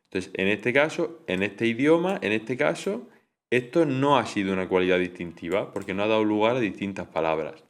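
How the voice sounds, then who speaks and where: A man's voice: lowish voice, a little fast. A young man giving an informal study explanation of coursework, hesitant, with frequent fillers and restarts, slipping English terms into his talk.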